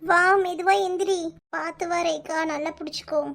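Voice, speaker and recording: A worried young village sister in a cartoon, talking soft and pleading in a Kanyakumari Tamil accent, as a woman voices her. The voice sits extremely high. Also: steady tone, moderate pace, vocal fry, background noise. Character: young woman caring for her feverish sister, anxious and tearful.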